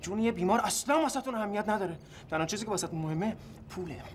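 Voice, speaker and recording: Desperate brother, shouting, threatening, lively pitch, noisy recording. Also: male voice. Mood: furious. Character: desperate young man fighting for his dying sister. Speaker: patient's brother.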